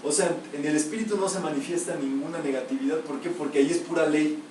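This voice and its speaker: A man's voice: a little high, quick pace, darkish tone. A man teaching a spiritual lecture to a live group, emphatic and quizzing his listeners with questions. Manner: emphatic, asks the audience rhetorical questions. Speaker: metaphysics teacher. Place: echoey room with listeners. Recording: echoey room, mic far off, faint hiss.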